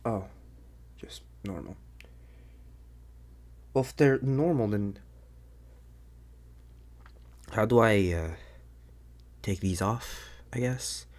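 Dropping lower and a touch mellow, the young man continues as the anxious teen becoming a werewolf in an ASMR audio roleplay. He speaks haltingly in a husky, breathy half-whisper, now anxious and pleading.

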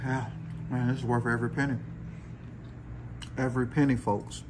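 Man, dining companion, brief relaxed remarks, off-mic, faint restaurant noise. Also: mid-range voice, normal speed. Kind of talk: casual chat.

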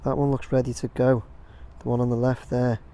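This drone videographer, an Englishman, gives casual vlog commentary over his footage outside by a construction site, chatting and rambling to "guys" watching. He speaks a little fast in a mellow, mid-range voice with little pitch movement, and there's slight background noise.

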